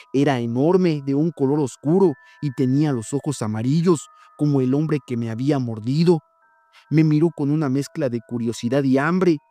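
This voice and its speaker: A man who hosts a horror story channel, reading listeners' stories in a steady, measured voice. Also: mid-range voice, no room sound. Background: faint background music.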